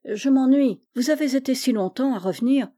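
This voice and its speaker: A woman voicing a proud, disdainful young noble girl in a storybook reading, speaking in a sharp, petulant manner. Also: mid-range voice, normal speed, breathy edge, natural voice. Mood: defensive.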